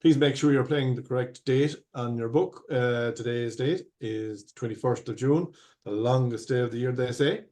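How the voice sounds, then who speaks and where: A man's voice: medium pitch, moderate pace, darkish tone. A man with an Irish accent working as a bingo caller, reading out numbers digit by digit in set phrases and hosting a live online game. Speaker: bingo host.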